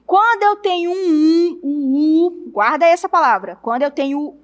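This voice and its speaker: A woman's voice: sits high, lively intonation, moderate pace, lo-fi sound. A woman teacher with a Brazilian Portuguese accent explains a lesson step by step, checking in with her students and drawing out syllables as she spells them. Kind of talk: classroom lesson.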